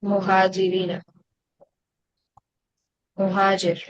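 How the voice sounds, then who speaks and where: A woman's voice: medium pitch, completely flat delivery, extremely slow, no room sound, muffled recording. A woman teaching an Arabic grammar class in Bengali-accented speech, explaining patiently and asking her students questions. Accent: Bangladeshi Bengali.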